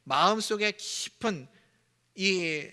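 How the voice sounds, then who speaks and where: A man pastor preaches a sermon in a conversational style, now and then acting out the lines he quotes. His voice sits high and sounds bright and forceful. A long reverb from the church sanctuary trails behind his words. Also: animated, slow pace.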